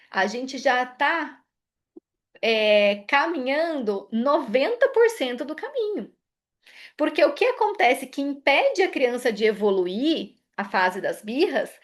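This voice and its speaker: A woman with a Brazilian accent talks through parenting advice in a live session, her voice sitting a little high. She explains patiently and keeps checking in with her listeners through short tag questions. She often slips into short acted-out exchanges between parent and child. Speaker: psychologist.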